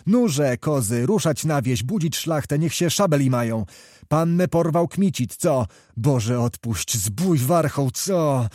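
Old nobleman over 60, bellowing, blustering, mellow timbre, a man doing him. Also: sits high, animated, unhurried, dry recording, clean studio sound, voice pushed up. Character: gruff old country nobleman, hot-tempered.

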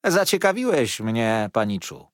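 A man's voice: mid-range voice, very animated, unhurried, no room sound, studio quality. A man voicing a kindly plump old-fashioned nursemaid. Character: kind plump middle-aged nursemaid woman.

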